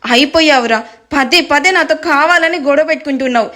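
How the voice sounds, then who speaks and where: A woman's voice: high-pitched, fairly quick. Woman voicing a fiery, scolding young woman. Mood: angry. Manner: loud and scolding.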